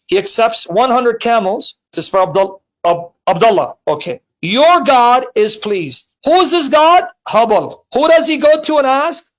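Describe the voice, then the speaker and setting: Male host, strikingly high pitch, insistent and argumentative in a call-in debate. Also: poor audio. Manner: insistent, presses with rhetorical questions.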